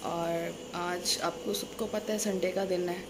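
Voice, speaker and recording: Holding her phone at arm's length indoors in a small home room, a young adult vlogger and Sunday school teacher chats casually straight to camera. Her voice is fairly low with fairly even intonation and a slightly slow pace, with background noise present.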